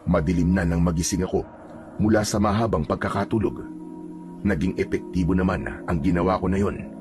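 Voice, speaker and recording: A man's voice: deep voice, steady tone, a little fast. A man narrating a first-person horror story in a dramatic, earnest way. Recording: music playing behind.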